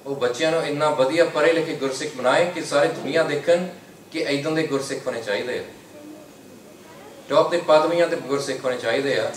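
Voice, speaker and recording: A man's voice: fairly high pitch, brisk. Man preaching in a roomy hall. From United Kingdom. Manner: exhorting, repeats slogans in English between Punjabi. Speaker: Sikh preacher. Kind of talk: religious lecture to a congregation. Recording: roomy hall from a distant mic with faint hiss.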